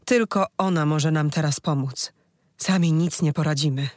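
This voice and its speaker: The audiobook reader voicing a village wife whose throat was hurt, speaking hoarsely in rustic dialect. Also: mid-range voice, moderate pace, darkish tone, dry recording, studio quality, natural voice. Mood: pleading. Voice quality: hoarse, rough-voiced.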